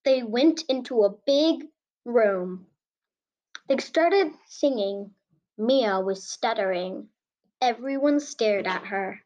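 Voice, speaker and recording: A woman narrating a home-made children's story in a slow, earnest way. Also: a little high, darkish tone, poor audio.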